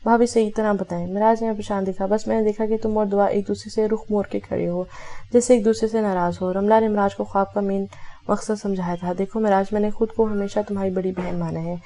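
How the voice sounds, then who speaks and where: A woman's voice: mid-range voice, little pitch movement, dark tone. A woman reading a romance novel aloud, voicing every character in her own voice with small self-corrections. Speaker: audiobook narrator.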